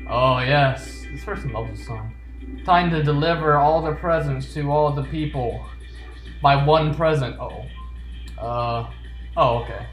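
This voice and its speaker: Speaking a little slowly in a fairly high voice, the gamer cracks jokes and reads on-screen text aloud as he plays. His let's play commentary carries a roomy echo, with game music in the background.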